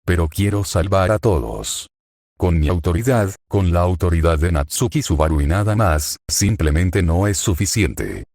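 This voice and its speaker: A desperate young hero pleads slowly for help, as a man reads him. His voice is very deep. It is recorded dry and close. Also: lively intonation, a little mellow, dry recording. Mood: pleading.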